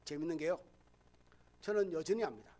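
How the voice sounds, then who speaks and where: A man with a fairly high voice preaches a sermon in a church. He grew up in Busan, and a softened Gyeongsang accent colors his speech. He often calls out to his listeners and then drops to quiet, low remarks. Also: expressive, brisk. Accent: softened Gyeongsang Korean. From Busan, South Korea. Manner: swings between loud emphatic lines and low, quiet asides; addresses the congregation directly, often saying "여러분". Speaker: pastor. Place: church sanctuary.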